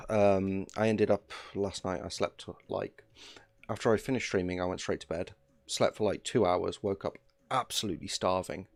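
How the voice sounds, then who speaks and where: Male streamer, 30s, deep with vocal fry; loose, filler-heavy, relaxed chat at a home desk mic. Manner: rambling, filler-heavy, easygoing. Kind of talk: casual gameplay commentary.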